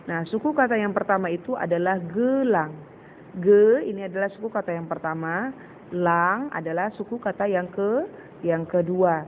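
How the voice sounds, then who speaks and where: A woman teacher giving a patient recorded lesson to children, slowly sounding out syllables and repeating words. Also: medium pitch. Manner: addresses pupils as "Nak". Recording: tinny phone-like recording with faint hiss.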